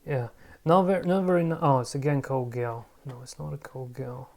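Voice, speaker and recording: In a casual vlog practicing pronunciation, a language learner speaks with a gravelly, medium-pitched voice at normal speed. Muttering to themself, they repeat words over and over, correct themself, and now and then get excited.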